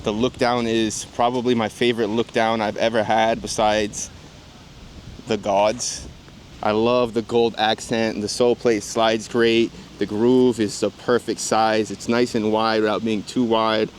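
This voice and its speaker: A man's voice: fairly low pitch, flat delivery, a little slow, slight background noise. A man talking casually in a skate vlog, cheering himself on and swearing at missed tricks, then catching his breath to give his impressions. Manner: self-encouraging, swears when tricks fail. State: out of breath after skating. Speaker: skate vlogger. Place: outdoors at a skate spot.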